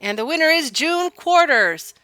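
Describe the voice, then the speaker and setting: Lady doing a booming excited prize announcer for a game contest, loud n high, bright. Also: normal speed, dry recording. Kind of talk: video game character read-aloud.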